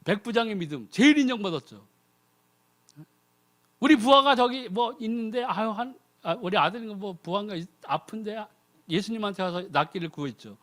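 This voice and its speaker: A man's voice: high voice, animated, moderate pace, a bit bright. A man preaching a sermon as a deacon, firing rhetorical questions at the congregation and mimicking people's prayers in mocking voices. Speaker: lay preacher, ordained deacon.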